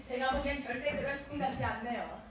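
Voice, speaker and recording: A smooth, scheming male art dealer, played by a woman on stage, coaxing and polite in a high, quick voice. The stage sound is distant, with a big hall echo. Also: steady tone, a little hiss or hum, lightly acted. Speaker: student stage actor. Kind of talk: live stage play acting. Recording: echoey hall, miked from far off.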